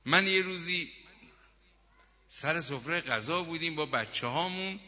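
A man's voice: a little high, sharp tone. A man voicing a remorseful middle-aged husband who tells his story in a confessional first-person way, recorded muffled in a reverberant hall.

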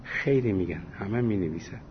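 Low-voiced man telling teaching stories. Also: expressive. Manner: storytelling with quoted dialogue and chuckles. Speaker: religious teacher. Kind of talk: anecdotal religious lecture. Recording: dull lo-fi recording with faint hiss.

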